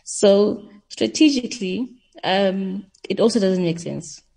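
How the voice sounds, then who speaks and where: A woman giving candid, measured analysis as an expert guest on a radio show. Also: medium pitch, vocal fry, warm tone.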